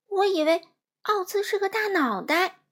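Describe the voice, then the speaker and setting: A woman's voice: very high voice, expressive, unhurried, pitched above the performer's own voice, full character voice. A woman doing a bold outspoken young girl. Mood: indignant. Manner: loud, indignant, exclaiming.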